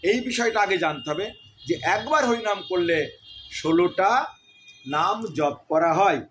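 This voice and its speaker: A man's voice: high voice, expressive, measured pace, a bit bright, slight background noise. A man explaining how to chant on prayer beads, stopping to demonstrate the chant and making earnest appeals to his viewers. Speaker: devotional YouTuber.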